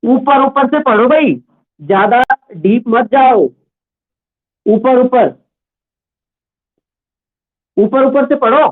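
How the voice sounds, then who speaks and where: A man teaching a Hindi grammar class, slowly dictating words and repeating each one for students to write. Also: very high-pitched. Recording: tinny phone-like sound.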